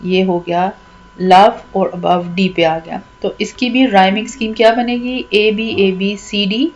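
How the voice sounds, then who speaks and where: A woman teacher patiently explaining a poem's rhyme scheme, stretching out key words slowly and repeating each step. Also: mid-range voice, fairly even intonation, dull audio. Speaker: English teacher.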